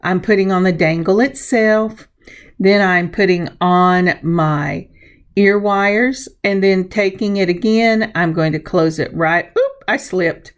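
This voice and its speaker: A woman hosting a craft tutorial in a gravelly voice at a medium pitch. She talks slowly and casually, chatting as she explains each step of what her hands are doing. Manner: chatty, unhurried, self-narrating.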